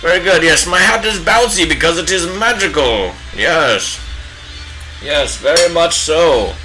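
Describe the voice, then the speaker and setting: A man's voice: on the high side, over music, lightly acted, rough recording. A man playing a pompous bearded old wizard with a put-on British accent, hamming it up while he paints live. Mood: grandiose. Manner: hammy, drawn-out theatrical wizard speech.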